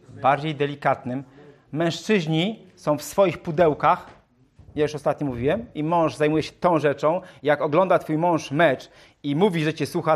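A man preaches a sermon with a fairly high voice. He raises his voice to read scripture aloud, then drops back to a joking, conversational tone with rhetorical questions to his listeners. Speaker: pastor.

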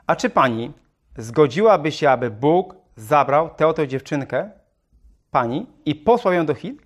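A man reading the lines of a calm missionary who questions a woman. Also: a little high, unhurried. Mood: probing. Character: calm probing male missionary.

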